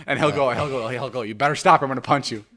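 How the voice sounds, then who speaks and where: A man co-hosting a podcast in casual chat, telling a story animatedly and getting loud and heated. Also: mid-range voice, quick pace. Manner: animated, swearing, gets loud and heated retelling arguments. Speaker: podcast co-host.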